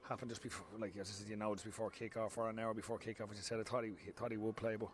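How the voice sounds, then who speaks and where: Irish man in his forties, football manager, rapid and candid, stop-start phrasing, recorded pitchside at night. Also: level tone, a little hiss or hum. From Ireland. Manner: frank, repeats himself, many restarts. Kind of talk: post-match interview. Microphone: handheld mic held close.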